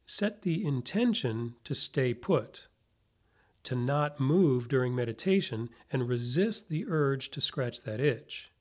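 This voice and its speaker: Man softly guiding a meditation. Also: mid-range voice, animated. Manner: gentle, unhurried instruction with long pauses. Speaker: meditation teacher. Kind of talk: guided meditation narration, like a sleep story narrator.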